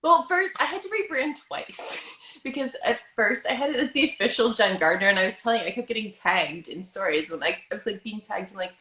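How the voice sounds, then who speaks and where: A chatty woman in her thirties hosts a casual video-call conversation, breaking into laughs now and then. Her voice sits at an ordinary middle pitch, carried over dull, lo-fi call audio from a roomy space. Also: lively intonation, brisk, fairly bright tone. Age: 30s. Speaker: host.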